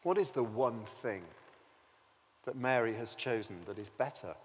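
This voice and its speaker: Preacher, animated, with church reverb. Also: male voice, mid-range voice, measured pace. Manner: lively storytelling with rhetorical questions. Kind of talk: sermon.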